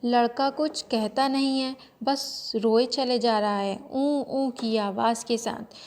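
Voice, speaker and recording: A woman teacher reading a play lesson aloud to pupils, in a slow and careful voice. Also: on the high side, steady tone, a little mellow, in a large hall.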